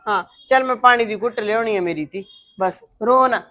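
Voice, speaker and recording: A woman's voice: fairly high pitch, brisk, sharp tone. A middle-aged woman acting a motherly aunt who comforts a crying niece with proverbs. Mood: soothing. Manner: soothing, proverb-quoting. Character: motherly aunt, soothing and stern. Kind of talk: Punjabi web drama acting.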